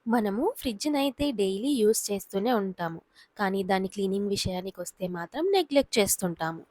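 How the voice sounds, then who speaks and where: A woman in her thirties, a home vlogger, calmly explaining household cleaning tips in a voice-over. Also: medium pitch, no room sound. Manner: calm, explanatory. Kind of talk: instructional voice-over.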